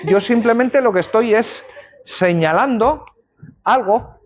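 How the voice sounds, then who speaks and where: A man with a very high-pitched voice speaks slowly while teaching a university law class. He explains ideas through everyday examples and checks in with students, captured on a dull, lo-fi classroom recording.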